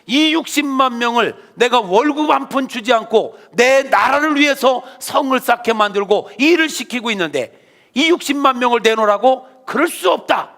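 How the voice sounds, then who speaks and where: A man voicing a stubborn, boastful ancient king in a sermon, loud and scornful. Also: very high-pitched, lively intonation, moderate pace, creaky, long reverb tail, pitched above the performer's own voice, full character voice.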